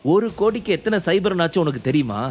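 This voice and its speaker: A man voicing an arrogant rich young man who talks down to others and blusters loudly. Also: high-pitched, lively intonation, a little fast, faint music behind, pitched above the performer's own voice. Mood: condescending. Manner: blustering, shouting, condescending.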